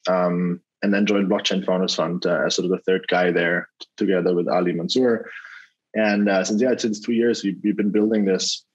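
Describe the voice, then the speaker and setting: Deep flat-voiced man. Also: normal speed, slightly rough. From Germany. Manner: relaxed, rambling, many fillers and restarts. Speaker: venture capital investor, guest. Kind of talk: casual interview over a call. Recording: dull lo-fi call audio.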